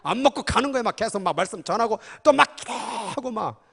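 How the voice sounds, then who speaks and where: A man's voice: high voice, expressive, fast talker, a bit bright, husky. A man preaching a sermon as pastor, fervent and emphatic, with filler-laden passionate delivery. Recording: long hall reverb.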